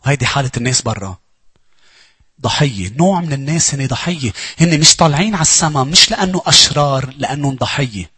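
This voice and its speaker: Fast, husky-voiced Lebanese man preaching. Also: dry recording. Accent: Lebanese Arabic. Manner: animated, swings between loud urging and low asides. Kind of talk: sermon.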